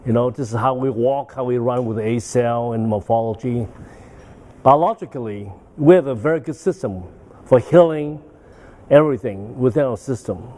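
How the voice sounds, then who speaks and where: An older man from Hong Kong with a mellow, medium-pitched voice gives a guest lecture at a medical conference in a banquet hall. He speaks at a moderate pace and rambles, frequently adding "uh" and "okay?" tags.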